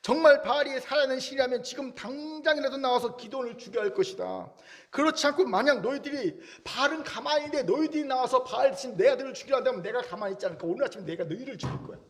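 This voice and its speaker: A man's voice: very high voice, rapid-fire, in a large hall, pitched above the performer's own voice. A man voicing a defiant older father who mocks a crowd and threatens them in defence of his son. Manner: scornful, threatening, sarcastic.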